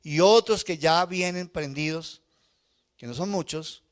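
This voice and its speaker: Man, fairly high voice, emotional testimony-style preaching that keeps questioning the church. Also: unhurried. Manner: emotional personal testimony, asks the congregation questions. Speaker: pastor. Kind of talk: live sermon. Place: church sanctuary before a congregation.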